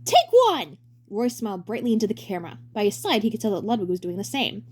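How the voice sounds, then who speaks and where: A woman's voice: medium pitch, fast, darkish tone, husky. A woman narrating a fan story as a dramatic reading.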